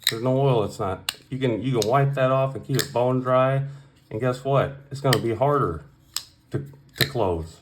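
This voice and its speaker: Over a noisy background, a man on his knife-collecting vlog goes on a heated, casual rant, cursing bluntly and repeating points for emphasis. His voice is mid-range, and he speaks at a moderate pace.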